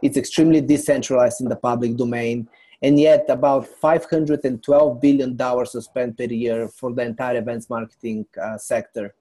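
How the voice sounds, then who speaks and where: A middle-aged man from Bulgaria, a company founder explaining his business as a podcast guest in a measured way. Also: mid-range voice, fairly even intonation, dark tone. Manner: measured, explanatory, lists items. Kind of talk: business interview.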